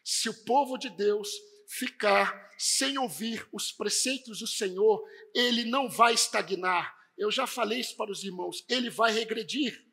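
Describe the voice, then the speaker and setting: A man's voice: sits high, measured pace, creaky, hardly any pauses, bright, forceful tone, breathy edge. A man preaching a sermon as a pastor, emphatic, with a constantly shifting intonation. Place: church.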